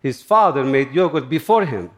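A middle-aged man from Turkey, speaking halting in short phrases as he tells a personal story on stage. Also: mid-range voice, lively intonation. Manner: plain, halting non-native English with short phrases. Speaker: speaker giving a talk.

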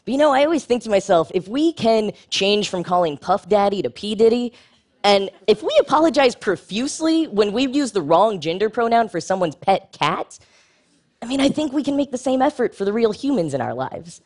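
Moving briskly through a prepared speech, a man keeps his delivery candid, funny and a little sardonic. Lively pitch jumps mark the points he emphasizes.

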